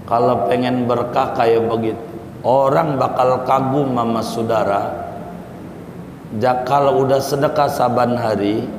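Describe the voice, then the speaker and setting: This folksy preacher speaks at a measured pace in a medium-pitched voice with fairly even intonation. He keeps repeating his points and addresses the congregation as "saudara," his words echoing through a hall with faint background noise.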